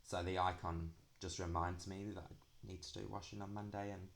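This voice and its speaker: Deep-voiced man with drawn-out s sounds. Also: flat delivery, vocal fry, fairly bright tone, slight background noise. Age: young adult. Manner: drags out the s sounds. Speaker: craft planner vlogger. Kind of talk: casual chatty product walkthrough.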